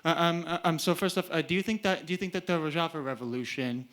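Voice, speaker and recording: Fast-talking, very hesitant man. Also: fairly high pitch, fairly bright tone. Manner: very hesitant, stammering delivery. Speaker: audience questioner. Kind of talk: unscripted question at a public talk.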